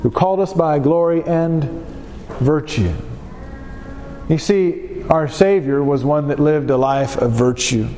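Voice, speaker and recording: A man's voice: on the high side, a little slow, mellow. Nasal, stuffed-up male preacher in an echoey hall. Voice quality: nasal, congested, as if nose pinched. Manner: emphatic teaching with rhetorical questions and repetition. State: stuffed up with a cold. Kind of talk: sermon, Bible teaching. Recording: echoey hall, long reverb, faint background noise.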